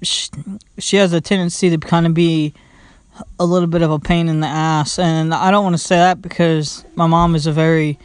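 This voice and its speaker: A young man hosts his own casual podcast while sitting indoors at home, rambling with plenty of fillers, restarts and "blah, blah, blah." His voice is a little high with little pitch movement, at normal speed, clean in tone on a dry recording.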